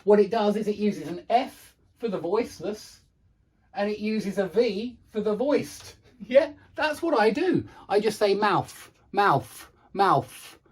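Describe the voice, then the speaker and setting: In an English pronunciation lesson, the teacher demonstrates sounds and repeats examples with careful enunciation. Their mid-range voice is expressive, slow and slightly rough. They're frank and self-deprecating about their own difficulty.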